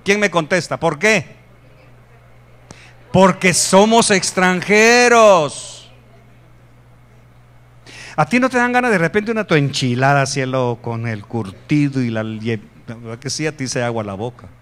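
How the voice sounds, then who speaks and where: Guatemalan preacher, high male voice, lively sermon with punchy emphatic peaks and humorous asides. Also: a little slow, pauses often. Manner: animated preaching, rising loud for emphasis, joking asides. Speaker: pastor.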